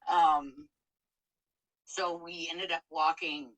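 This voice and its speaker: A woman's voice: lowish voice, steady tone, extremely slow, a bit bright, rough recording. A middle-aged woman telling a personal story in a candid, emotional, casual chat. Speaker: co-host.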